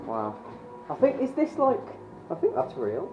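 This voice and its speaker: Inside a show cave, a middle-aged woman vlogger chats casually while commenting on her walk through it. Her voice sits on the low side, with wildly swooping pitch and a measured pace. Music plays loudly in the cave, and the camcorder audio is dull and lo-fi.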